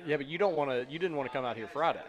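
A man hosting a sports radio show live from a racetrack, relaxed and dry, laughing easily. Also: medium pitch, racing. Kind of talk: casual radio banter. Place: outdoor live broadcast at a racetrack.

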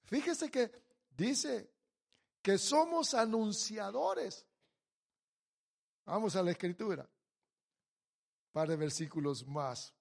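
Un hombre predicando un sermón, exhortando a la congregación y pasando de tono bajo a fuerte énfasis. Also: male voice, high voice, lively intonation, slow, gravelly, pauses often. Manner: exhorting, addressing the congregation directly; swings from quiet to loud emphasis. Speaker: preacher. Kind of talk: sermon.

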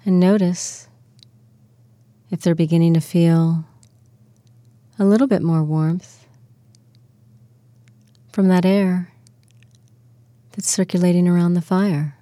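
A woman leading a guided muscle relaxation and visualization, speaking in slow, soothing, soft-spoken instructions. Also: on the low side, steady tone, no echo.

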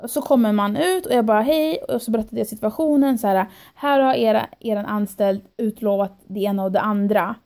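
A young woman and podcast guest in casual chat, telling a story in lively detail, acting out what she and others said and dropping into English phrases. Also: mid-range voice, creaky, few pauses. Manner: animated storytelling, quoting herself and others.

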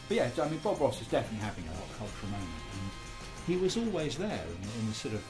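A man's voice: on the low side, sing-song, quick pace, over music. A man hosting a podcast, giving discursive, casual commentary on culture in a musing way. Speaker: podcast host.

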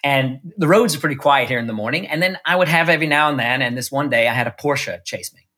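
A man's voice: mid-range voice, fast talker, sharp tone. A man giving an interview, chatting through stories with many restarts and fillers. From United States. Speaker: interview guest, electric car executive. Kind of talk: casual storytelling interview. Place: Munich.

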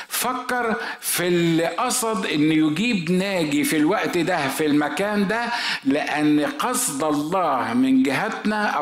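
A man's voice: a little high, fairly bright tone, echoey room. A man preaching a sermon as a pastor with an Egyptian Arabic accent, telling stories in a conversational way and asking his listeners rhetorical questions.

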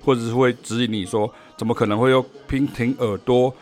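A man's voice: medium pitch, fairly even intonation, fairly quick, darkish tone. Taiwanese man teaching jazz on a podcast. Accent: Taiwanese Mandarin. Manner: explains through sung rhythm syllables and examples. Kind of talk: podcast music lesson.

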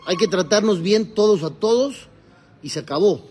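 This rabbi's high voice is expressive and darkish, at a moderate pace, with a little hiss or hum in the recording. Teaching a live group, he asks questions, answers them himself, and interprets the Hebrew sources he quotes.

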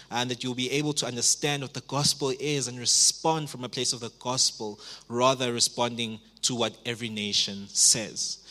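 A man's voice: medium pitch, bright, forceful tone. A man in his twenties, a pastor preaching a sermon in church, earnest, with repeated phrases and many fillers. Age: 20s.

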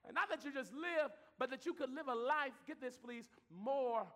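A man preaching a sermon in a church, moving between shouted declarations and quieter asides. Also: moderate pace, long reverb tail. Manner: animated preaching, swings from shouting to low asides.

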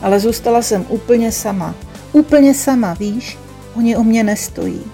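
A woman voicing a shy woman around thirty who is sobbing and pleading as she talks, with soft music behind. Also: on the high side, steady tone, gravelly. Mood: tearful. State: sobbing, crying.

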